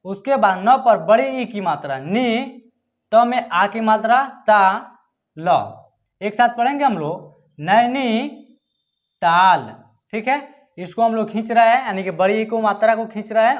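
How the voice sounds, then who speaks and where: A reading teacher in an online lesson, sounding out words syllable by syllable and quizzing viewers. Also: mid-range voice.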